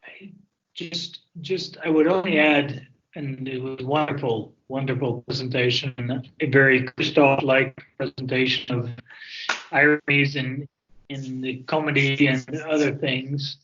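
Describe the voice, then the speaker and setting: A man on a video call speaks slowly and deliberately, often repeating a word before going on. His pitch sits in the middle. The call sound is dull and lo-fi. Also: level tone, fairly bright tone. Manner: deliberate, repeats words as he thinks. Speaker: participant in an online happy hour. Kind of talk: casual chat.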